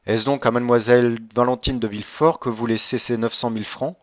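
A man's voice: mid-range voice, steady tone, a little fast, no room sound, close to an everyday voice. A formal, careful notary questions a client with precise diction, his voice a touch raised, as a male reader plays him. The recording is dry and slightly muffled. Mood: questioning.

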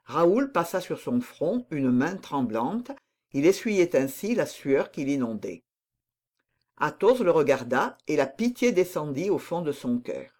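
An audiobook narrator reads a classic novel aloud. The storytelling delivery is expressive, and the pitch moves lively through each sentence. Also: measured pace.

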